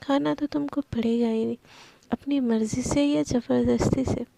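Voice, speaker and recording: A woman's voice: on the high side, steady tone, moderate pace, gravelly, warm tone, no room sound. A woman voicing a playful, bossy young woman boss who coaxes and orders in a storybook tale. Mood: coaxing. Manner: coaxing, bossy.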